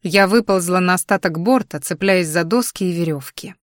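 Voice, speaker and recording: A woman reading a first-person fantasy audiobook in an expressive, dramatic way. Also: on the low side, moderate pace, no room sound, clean studio sound. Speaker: audiobook narrator.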